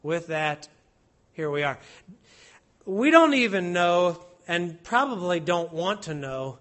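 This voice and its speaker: A man preaching an expository sermon, slow and deliberate, stressing each word as he reads out Hebrew and Latin phrases. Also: a little high, fairly bright tone.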